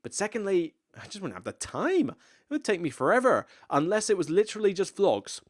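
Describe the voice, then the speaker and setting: A man's voice: sits high, sing-song, a little fast. Chatty West Country man in his thirties. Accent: West Country Somerset, slightly blurred. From West Country, England. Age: 30s. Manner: rambling, chatty, self-deprecating with frequent asides. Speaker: board game channel host. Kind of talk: casual live Q&A chat.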